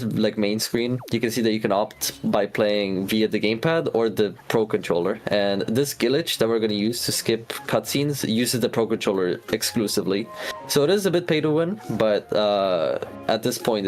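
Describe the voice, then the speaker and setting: A man commentating a speedrun, explaining glitches at length with many fillers and restarts. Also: on the low side.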